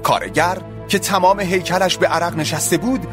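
A man narrating a story in an expressive, dramatic audiobook style. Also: sits high, music in the background.

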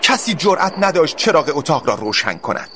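A man narrating a scripted story in a dramatic, expressive way. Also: fairly high pitch, faint music behind.

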